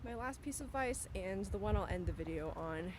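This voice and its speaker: American woman vlogging over clear background noise. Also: medium pitch, expressive, fairly quick. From California, United States. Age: 20s. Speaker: vlogger, medical student. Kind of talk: casual vlog monologue with advice. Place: on the move during a commute.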